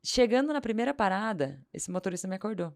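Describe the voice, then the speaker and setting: A woman's voice: medium pitch, quick pace, vocal fry. A woman, a podcast guest telling a story and acting out the lines of the people in it. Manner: animated anecdote-telling, acting out quoted dialogue. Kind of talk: storytelling in casual interview.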